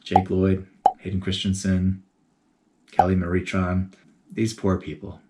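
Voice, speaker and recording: A man giving a casual, animated video essay, talking in a chatty way with geeky enthusiasm. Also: low-pitched, measured pace. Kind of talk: casual commentary to camera.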